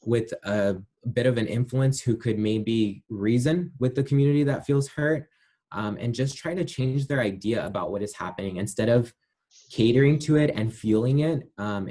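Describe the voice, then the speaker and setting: A man answers interview questions in a relaxed, casual way, his voice low and dark. As a guest he shares his views thoughtfully, hedging often and leaning on plenty of fillers.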